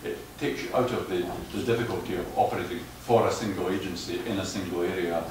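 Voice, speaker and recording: A man lectures in a very low voice, picked up from far off in a reverberant hall. He hesitates and repeats words as he explains his points. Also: steady tone, fast. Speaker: lecturer on footpath management. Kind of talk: lecture with audience questions. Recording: echoey hall, distant mic, noise.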